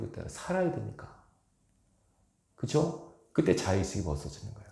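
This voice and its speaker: A man's voice: mid-range voice, creaky, mellow. A male pastor preaching a sermon with emphasis, asking his congregation rhetorical questions, recorded in an echoey church hall. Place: church sanctuary.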